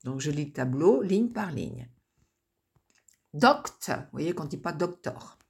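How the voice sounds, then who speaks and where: A woman's voice: low voice, lively intonation, normal speed, gravelly, warm tone, husky. A woman teacher reading through a pronunciation table in a recorded lesson, spelling out letters and modelling words one by one. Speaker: English teacher.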